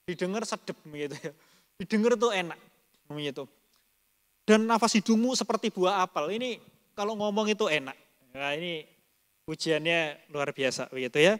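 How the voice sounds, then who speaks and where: A man's voice: high voice, fairly bright tone, long reverb tail. A man preaching a Bible study in casual Indonesian. He rambles with many fillers and speaks straight to the congregation. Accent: Indonesian, Surabaya region. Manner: addresses the congregation directly. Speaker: pastor.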